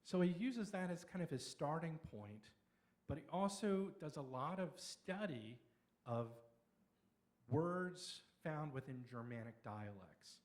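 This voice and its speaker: Middle-aged lecturer, male, fairly high voice, talks through slides in a chatty, explaining way. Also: animated. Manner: explanatory, conversational, with pauses and restarts. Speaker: local history speaker.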